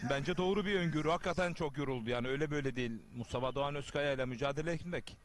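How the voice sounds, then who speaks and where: A man's voice: on the high side, racing. A man hosting live televised wrestling commentary, addressing viewers and reading out their messages in short, emphatic phrases. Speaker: TV sports commentator and host.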